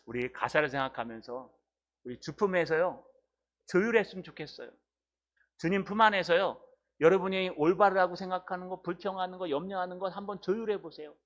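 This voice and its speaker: A man's voice: high voice, brisk. A man preaching a sermon as pastor, firing off rhetorical questions to the congregation and building up emphasis.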